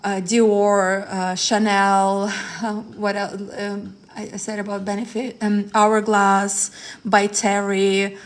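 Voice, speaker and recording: A woman's voice: mid-range voice, flat delivery, slow pace. Chatty woman. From Ukraine. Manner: chatty, rambling, laughs often, many fillers and restarts. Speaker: tarot reader. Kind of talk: live-stream chat with viewers.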